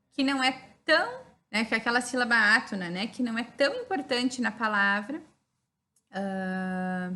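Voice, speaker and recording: Her voice is fairly high, bright and forceful as she gives a recorded lecture with a Brazilian Portuguese accent. Teaching step by step, she keeps asking "né?" to make sure listeners follow.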